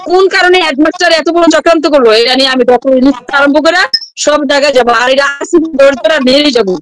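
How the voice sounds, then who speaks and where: A woman's voice: sits high, rapid-fire, poor audio. A woman schoolteacher, giving an urgent, rambling first-person testimony and repeating herself. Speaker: schoolteacher, interview guest.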